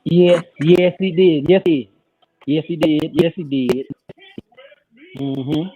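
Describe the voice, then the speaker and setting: A man's voice: fairly high pitch, fairly even intonation, slow, mellow, highs cut off. A man calling into a casual football chat over a video call with a shaky connection, often repeating and stammering his words. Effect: joining remotely on a video call with a shaky connection. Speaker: football podcast panelist.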